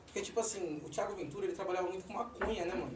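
A man's voice: high-pitched, racing, reverberant, distant mic, noisy background. A man, a comedian, telling a stand-up joke in a casual podcast chat, laid-back and full of slang.

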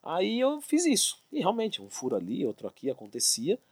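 A man, a fitness expert telling his story as an interview guest, animated and acting out quoted dialogue. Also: high voice, brisk, husky, dry recording.

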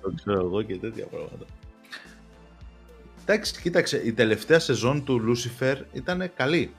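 A man's voice: medium pitch, animated, soft background music. A young man, co-hosting a podcast and chatting casually about TV series, with a rambling way of talking full of restarts. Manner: rambling, many restarts and fillers. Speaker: podcast co-host.

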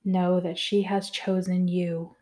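A woman guides a meditation in a gentle, soothing voice that often falls to a whisper. She speaks very slowly and evenly, in a low, mellow tone with almost no rise and fall. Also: little pitch movement.

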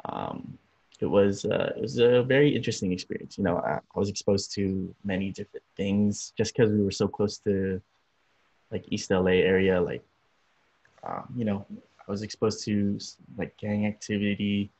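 A young man from Los Angeles, a podcast guest, talking about his upbringing in a relaxed, rambling way with many fillers. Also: fairly low pitch, moderate pace, vocal fry, husky. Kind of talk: casual interview. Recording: dull lo-fi audio.

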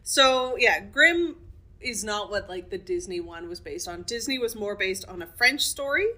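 Bright-voiced woman chatting casually. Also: mid-range voice, lively intonation, moderate pace. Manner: chatty, blunt opinions, laughs often. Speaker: podcast co-host. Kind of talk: casual chat about fairy tale history.

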